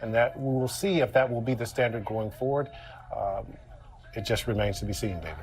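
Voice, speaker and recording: A man's voice: mid-range voice, a little fast. An American man giving live analysis as a news correspondent, grave and emphatic in his delivery.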